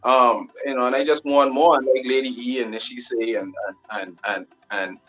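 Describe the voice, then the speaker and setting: A man's voice: medium pitch, fairly even intonation, normal speed, a bit bright, muffled recording, faint music behind. A man from the Bahamas with a Bahamian accent, a new artist talking loosely over a video call, full of fillers. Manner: loose and rambling, many fillers. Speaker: new recording artist, guest. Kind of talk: casual interview chat.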